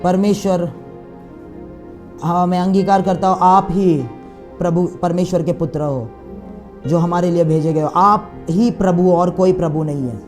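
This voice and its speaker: A man's voice: high voice, steady tone, moderate pace, long pauses, a little mellow, faint music behind. Fervent male pastor preaching. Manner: fervent, peppered with hallelujahs and speaking in tongues. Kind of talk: sermon and prayer.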